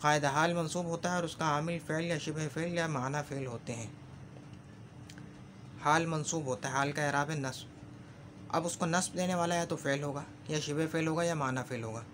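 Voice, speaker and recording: A man gives a patient grammar lesson, saying each example phrase over and over and pausing to check that the student follows. His voice sits a little high for a man. A faint hiss runs under the recording. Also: steady tone, fairly bright tone. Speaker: Arabic grammar teacher. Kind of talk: explanatory lesson.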